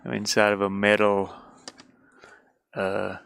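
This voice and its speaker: This man has a fairly low, monotone, slow voice with vocal fry, yet a fairly bright and smooth tone, and there's no room sound. While livestreaming his drawing on an art tablet inside an insulated metal van, he chats casually, rambles, and mutters half to himself a lot.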